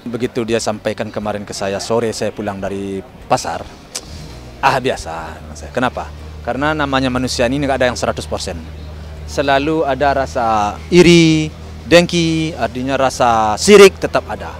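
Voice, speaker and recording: A middle-aged man speaking earnestly and carefully to reporters, pausing often with fillers. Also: mid-range voice, soft background music. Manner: measured, earnest, many fillers. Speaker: interviewee, family member.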